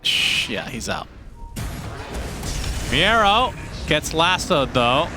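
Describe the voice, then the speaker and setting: A male esports caster with a lively, swinging delivery that jumps up and down in pitch. He jokes around and pokes fun at himself between play-by-play calls. A clear layer of background noise sits under his voice. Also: very slow. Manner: jokey, laughs often, self-deprecating. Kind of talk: live esports commentary.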